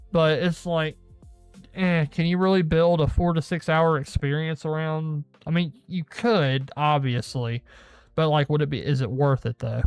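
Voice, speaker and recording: A man's voice: on the high side, smooth, no echo. A man hosting a casual gaming news show, rambling and correcting himself as he goes. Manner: rambling, self-correcting, laughs often. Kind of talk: casual solo gaming chat.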